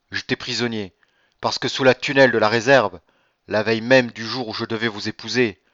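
A man's voice: medium pitch, fairly bright tone, dry recording, natural voice. A man reading an audiobook, voicing a bitter, vengeful nobleman who speaks with cold irony. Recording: dull lo-fi dry recording.

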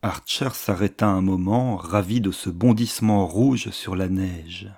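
A man reads a classic novel aloud with measured, literary pacing. His voice sits low, and his narration is steady and composed throughout. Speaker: audiobook narrator.

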